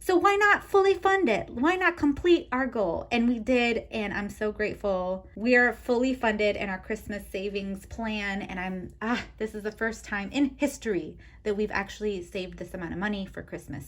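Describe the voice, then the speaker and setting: A woman vlogger explaining her household budget in a chatty way, talking straight to her viewers with frequent ums. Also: medium pitch. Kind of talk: casual direct-to-camera vlog.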